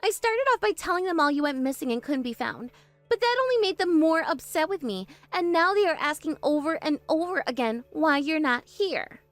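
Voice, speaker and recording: A spoiled young bride snaps and whines in a high, darting voice, as a woman acts her out. She is bossy and defensive, and her lines swing wildly in pitch. It is recorded close and dry over faint music. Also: lively intonation, a little fast, no room sound. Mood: shrill. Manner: shrill, demanding, defensive. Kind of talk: animated story voice acting.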